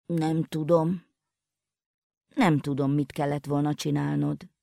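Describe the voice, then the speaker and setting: Woman voicing a puzzled old goatherd, lowish gravelly voice, slow, storybook. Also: flat delivery, warm tone, no echo, studio quality.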